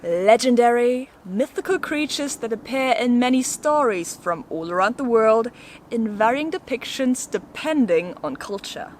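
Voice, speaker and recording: A woman with a fairly high voice presents an educational explainer video from a script, delivering it playfully and a bit theatrically while tossing casual asides to the viewer. Noticeable background noise runs through the recording.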